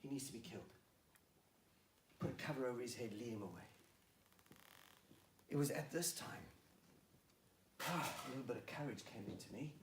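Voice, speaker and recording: A man preacher retelling a Bible story in the first person, animated and lively. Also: moderate pace, pauses often, a little hiss or hum. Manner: animated, rises to excited high pitch when tense. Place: church hall. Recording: roomy hall, mic at a distance.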